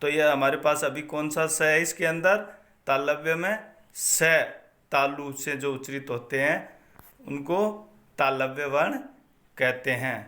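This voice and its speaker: A man teaching a Sanskrit phonetics lesson, reciting each grammar rule slowly and then repeating it. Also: fairly high pitch, steady tone, pushed and bright.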